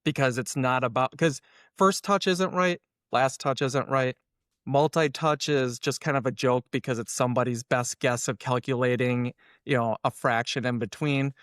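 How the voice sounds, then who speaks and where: A man with a clean-toned, mid-range voice talks at a moderate pace in a dry, studio-quality recording. He's an SEO consultant guesting on an interview, casual and full of strong opinions, who animatedly explains by staging hypothetical dialogue.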